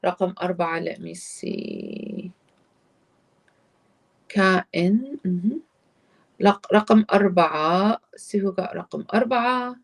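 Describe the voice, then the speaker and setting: A woman's voice: on the low side, wildly swooping pitch, slow pace, gravelly, pauses often. A woman teaching a live online Arabic class, explaining grammar patiently and switching between English and Arabic. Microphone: computer mic on a live stream.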